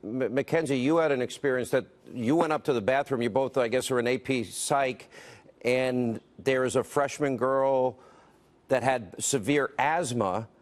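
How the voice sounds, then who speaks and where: A middle-aged man hosts a broadcast news interview at a medium pitch. He asks his questions haltingly, restarting his sentences, in a sympathetic tone. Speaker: TV news host.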